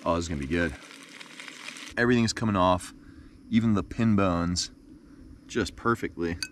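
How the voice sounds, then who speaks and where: A man in his thirties filming a solo fishing vlog at a lakeshore at night, chatting to the camera with easy excitement. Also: deep voice, moderate pace, distant mic, a little hiss or hum. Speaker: fishing vlogger. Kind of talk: casual solo outdoor vlog. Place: dark forest lakeshore at night, outdoors.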